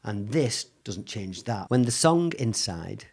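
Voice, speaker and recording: Calm reflective man. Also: on the low side, slow pace, gravelly. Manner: calm, reflective, speaks in spiritual phrases. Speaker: podcast host. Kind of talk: reflective conversation.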